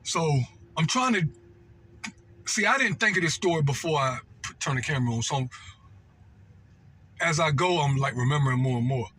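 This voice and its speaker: Fairly high-pitched and animated, this American man talks at normal speed with frequent pauses and a sharp tone over a little hiss or hum. A storytelling vlogger, he shares a personal story off the cuff in slangy, repetitive style, seeking agreement with "right?" and "know what I mean."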